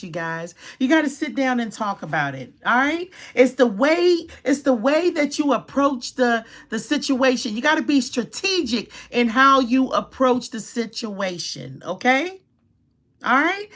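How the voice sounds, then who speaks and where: A middle-aged woman, giving casual relationship advice to viewers in an animated, preachy way and acting out quoted scenes. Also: high voice.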